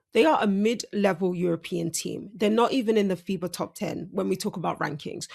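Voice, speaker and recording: A woman's voice: mid-range voice, gravelly, breathy edge. A woman hosting a casual sports breakdown, chatty and self-correcting, her speech slightly impeded by braces. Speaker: host.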